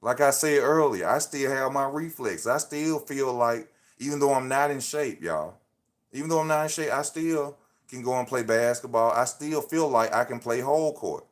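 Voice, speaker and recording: A thirties man livestreams from his phone at a moderate pace and medium pitch. His motivational talk is casual and slang-heavy, and he repeats his points like a preacher.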